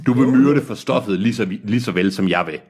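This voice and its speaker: A man's voice: fairly low pitch, darkish tone, breathy edge. A man reading a novel aloud on a podcast, breaking off to joke and laugh about the text. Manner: laughing, mocking the text as he reads. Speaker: reader of a novel on a comedy podcast. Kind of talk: reading aloud with joking asides.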